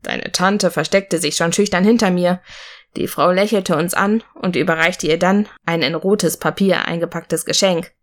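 A woman reading a Christmas story aloud with an even, steady narration. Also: lowish voice, normal speed. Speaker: audiobook reader. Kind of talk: scripted narration.

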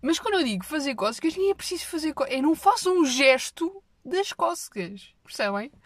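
A young woman with a European Portuguese accent, telling comic stories straight to her viewers in an animated, exaggerated way. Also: sits high, brisk, no echo, clean studio sound. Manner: animated, exaggerated storytelling, dropping her voice for asides.

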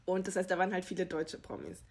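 A woman's voice: fairly low pitch, little pitch movement, quick pace. A young woman working as a TV entertainment reporter, telling anecdotes in a chatty, self-deprecating way with frequent laughs. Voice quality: husky. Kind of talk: casual interview answers, anecdotes.

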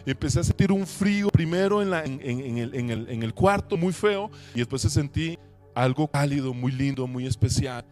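A man preaching a sermon in church, telling a personal testimony with emotion, rising to loud preaching and dropping to hushed recollection. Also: medium pitch, animated, normal speed, soft background music. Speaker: pastor. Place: church service.

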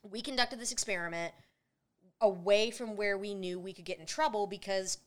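A woman co-hosts a podcast, casually chatting through a recap of an old film, laughing often and acting out the characters' lines. Her voice is medium in pitch, steady in tone, and delivered at a normal speed.

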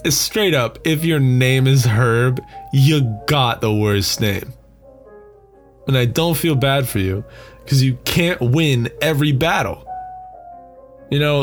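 Slow-talking rambling male comedian. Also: mid-range voice. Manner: rambling, self-amused, laughs at own jokes.

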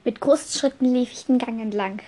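Lively woman telling her own tale. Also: fairly high pitch, fairly quick, faint music behind. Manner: lively, with frequent restarts and self-corrections. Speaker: storyteller. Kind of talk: improvised first-person storytelling.

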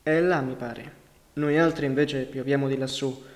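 A man's voice: mid-range voice, steady tone, moderate pace, natural voice. A man voicing a curt, sardonic young partisan leader with a dry, mocking manner, in a storybook reading. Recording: long reverberant hall sound.

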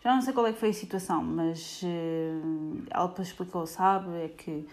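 A woman from Portugal with a European Portuguese accent, an airport security screener chatting casually to her viewers in an animated way. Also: lowish voice, moderate pace. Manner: chatty, animated, frequent fillers, addresses viewers directly.

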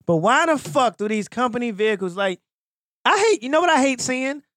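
A young adult man co-hosting a podcast, ranting in profane, animated casual chat full of slang. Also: very high voice, brisk, no echo, clean studio sound. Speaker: podcast co-host.

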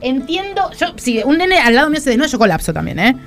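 A woman's voice: high voice, big pitch swings, quick pace, fairly bright tone, soft background music. A woman co-hosting a radio show in a Rioplatense Argentine accent, chatting animatedly, laughing and swearing freely. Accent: Rioplatense Argentine Spanish. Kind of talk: casual radio banter. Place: radio studio.

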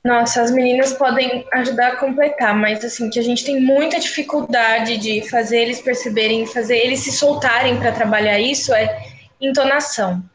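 A woman guest answering in an animated, exclamatory way about her work in speech therapy. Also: a little high, normal speed, roomy sound, slight background noise, rough recording. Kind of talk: casual interview answer.

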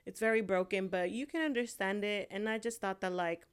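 A woman's voice: mid-range voice, fairly quick, clean tone. A young woman from Honduras in casual chat, talking hesitantly with many fillers. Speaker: co-host.

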